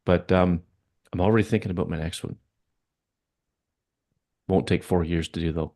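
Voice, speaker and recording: A man's voice: low voice, fairly even intonation, moderate pace, darkish tone. A man with a Canadian accent hosting a podcast in casual chat, rambling with many fillers and restarts. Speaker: podcast host.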